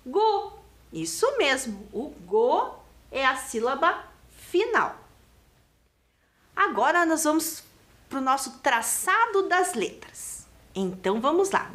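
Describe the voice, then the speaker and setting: Woman teacher, high voice, very lively pitch, slow patient delivery, children's TV lesson. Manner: slow, sing-song, questioning children at home. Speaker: primary school teacher. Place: TV studio classroom.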